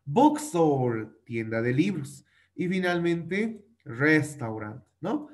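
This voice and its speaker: A man teaching children over a video call, his voice sitting a little high. He is patient and repetitive, says each word again and again, and softens his speech with diminutives. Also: very animated, takes it slowly. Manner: patient, drills pronunciation, uses diminutives. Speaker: English teacher. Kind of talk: online class for children.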